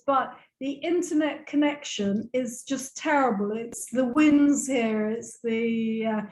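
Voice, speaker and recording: A woman's voice: a little high, darkish tone. A woman translating and co-presenting in an enthusiastic, chatty way on a video call, repeating and restating what is said. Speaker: interpreter and co-presenter. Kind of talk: casual chat, translating. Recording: echoey room over a video call.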